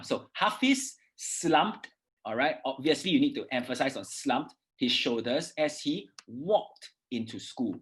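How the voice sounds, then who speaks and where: A Singaporean English oral exam teacher gives a lesson with read-aloud demonstrations, enunciating words deliberately and emphatically. Her medium-pitched voice comes through poor audio, and she's instructive, often checking in with "okay" and "right".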